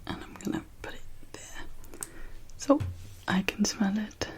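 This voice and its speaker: A woman gives a gentle, reassuring whispered pep talk as guided ASMR relaxation, in a soft breathy whisper with pauses. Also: mid-range voice. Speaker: ASMR host guiding relaxation.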